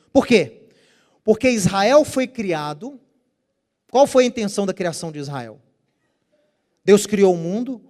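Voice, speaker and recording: In a Bible study lecture, a man whose voice sits high and sounds a little mellow explains Hebrew terms with care. He asks rhetorical questions, then answers each one himself.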